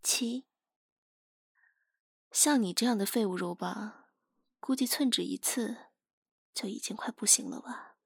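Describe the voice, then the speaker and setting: A woman voicing a teasing, contemptuous, dominant young woman in an adult ASMR role-play, breathy and husky, murmuring right into the listener's ear. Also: a little high, takes it slowly, long pauses, no echo, clean studio sound, exaggerated voice. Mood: taunting, whispering. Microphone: very close, dry microphone.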